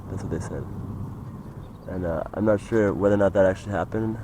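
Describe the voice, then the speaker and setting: A young man with a lowish, mellow voice rambles through a casual monologue, trailing off and padding his talk with "like" and "you know". He sounds recorded outdoors, with faint traffic noise behind him. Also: brisk, rough recording. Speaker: vlogger.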